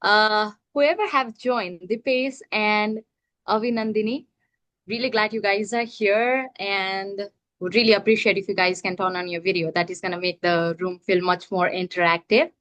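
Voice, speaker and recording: A woman's voice: medium pitch, fairly even intonation, normal speed, fairly bright tone, no echo. Woman hosting an online speaker event. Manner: friendly, encouraging audience to interact. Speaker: event host. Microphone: video call.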